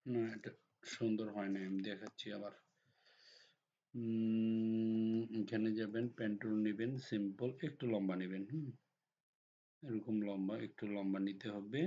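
In this screen-recorded design software tutorial, the instructor has a cold, and his voice is hoarse and on the low side. Going one step at a time, he keeps asking "ঠিক আছে?" to make sure viewers are following, and the lo-fi audio is dull with a little background noise.

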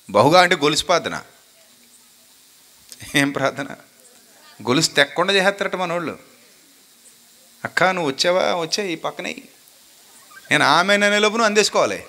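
A man preaching a sermon, scolding his listeners with sharp rhetorical questions and mimicking the people he mocks. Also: high voice. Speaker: pastor.

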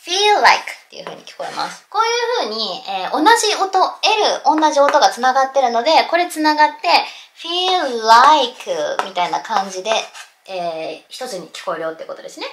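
A woman's voice: fairly high pitch, echoey room. A woman teaching English pronunciation in a casual lesson at a blackboard, explaining with spoken examples.

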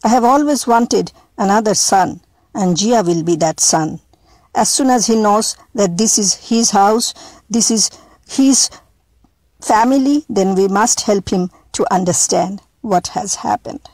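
A gentle, soft-spoken father speaks slowly and quietly in a storybook reading, as a woman narrator takes his part. His words are steady and kind. The sound is close and dry. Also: medium pitch, no room sound, lightly acted. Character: calm gentle village father.

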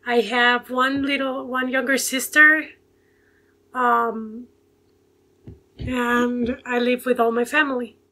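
A late-teen Ecuadorian woman, a guest on a casual video call interview, speaks Spanish-accented English with hesitation, lots of fillers, and pauses as she searches for words. Her bright, slightly high voice stays steady and even. She's using a basic earphone mic in her home bedroom with bookshelves, and the recording quality is low.

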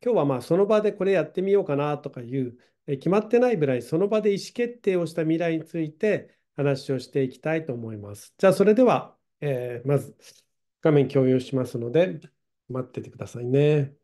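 Man, middle-aged teacher, patient grammar lesson, very dark mellow tone, slightly high voice. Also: lively intonation, fairly quick. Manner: patient, explanatory, with many fillers. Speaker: English teacher. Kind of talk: online English grammar lesson.

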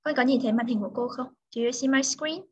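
Over dull, lo-fi video call audio, a woman tutors English, switching between Vietnamese and English as she patiently fixes pronunciation word by word. Her voice is high-pitched and quick, with a slight hiss or hum in the background.

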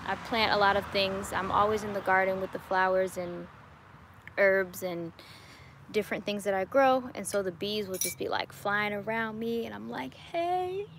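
A woman's voice: medium pitch, moderate pace, a bit bright, slight background noise. A woman in her late twenties chatting casually with viewers on a livestream, upbeat and laughing often, recorded outdoors on a phone at arm's length. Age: 20s. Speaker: YouTuber answering live chat. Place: outdoors in a home garden. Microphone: webcam or phone at arm's length.

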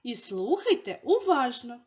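A woman teaching a speech lesson to young children, speaking slowly and enunciating clearly as she coaxes them to repeat after her. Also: fairly high pitch, big pitch swings, darkish tone. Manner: slow, clearly enunciated, coaxing. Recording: dull lo-fi recording.

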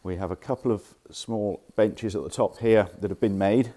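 This furniture dealer's voice is fairly low and dark, moving at a normal speed. Filmed on a handheld phone camera, he gives an informal, chatty tour of the furniture in his warehouse stock, correcting himself at times.

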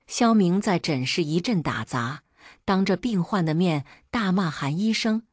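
A woman narrating a first-person audiobook story with dramatic storytelling flair. Her voice sits on the low side, and the recording is dry with no room echo. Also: animated, a little slow.

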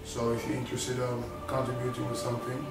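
Speaking quickly in a completely flat, medium-pitched voice with vocal fry, this Senegalese boxer and rapper introduces himself to the camera in a rambling way, often restarting or repeating phrases. He stands indoors before a studio backdrop, captured at a distance in a very echoey room with music in the background.

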